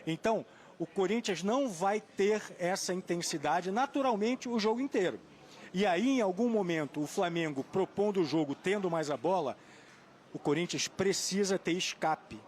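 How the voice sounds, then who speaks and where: A man's voice: high voice, expressive, normal speed. Man analysing football tactics. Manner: thoughtful, hesitant, searching for names. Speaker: football pundit. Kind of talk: studio sports analysis.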